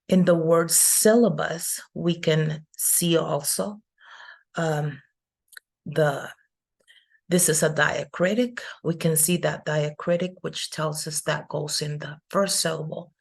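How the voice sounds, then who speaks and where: Slow, patient woman teaching a class. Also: sits low, creaky, breathy edge. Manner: patient, explains step by step with fillers. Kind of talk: online class lecture.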